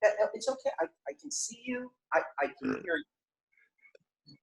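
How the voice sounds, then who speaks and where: A man's voice: very high voice, big pitch swings, a little slow, vocal fry, roomy sound, voice pushed up, full character voice, poor audio. A man performing a comic monologue as a flustered grown son on a video call with his mother, stammering and repeating himself.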